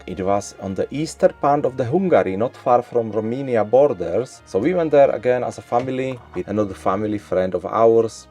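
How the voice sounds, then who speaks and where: Low-voiced Slovak man in his forties. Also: dark tone. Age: 40s. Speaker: travel vlogger. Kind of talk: casual talk to camera.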